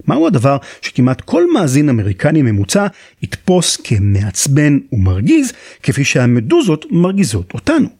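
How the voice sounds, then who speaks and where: A man's voice: medium pitch, warm tone, breathy edge, no echo, clean studio sound. An Israeli-accented man from Israel narrates a scripted podcast as its host, in an explanatory, articulate way.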